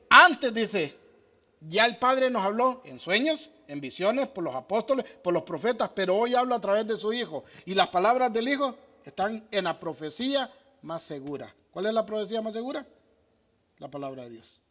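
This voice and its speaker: A man's voice: high-pitched, bright, forceful tone. A man preaching as pastor, answering questions from the congregation in an emphatic way that asks and answers his own questions. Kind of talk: sermon with audience questions.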